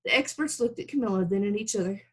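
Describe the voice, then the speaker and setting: A woman teacher reading a children's picture book aloud in expressive narration. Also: medium pitch, quick pace, slightly rough.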